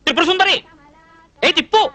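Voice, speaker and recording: An actor playing a fussy, naive young male cook in a dubbed film comedy, scolding in quick animated bursts. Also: very high-pitched, full character voice. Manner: rapid scolding chatter, animated. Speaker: film character.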